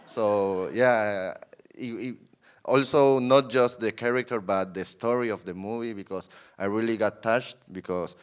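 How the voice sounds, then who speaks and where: A man from Spain, an actor answering festival Q&A questions haltingly, with many fillers. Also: lowish voice, clear, resonant tone. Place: film festival screening.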